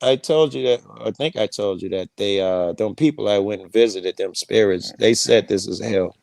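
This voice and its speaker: Gravelly joking guy, swears a lot, dry close mic. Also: lowish voice, moderate pace, a little mellow, dry recording. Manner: blunt, profane, joking. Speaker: co-host. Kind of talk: casual livestream chat.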